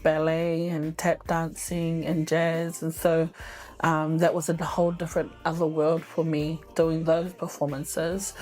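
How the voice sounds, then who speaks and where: Low-voiced woman, an actress giving interview answers. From New Zealand. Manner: relaxed, many fillers and restarts.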